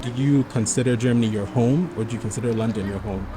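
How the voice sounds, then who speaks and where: A man interviewing people on a city street, asking short, brisk questions. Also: mid-range voice.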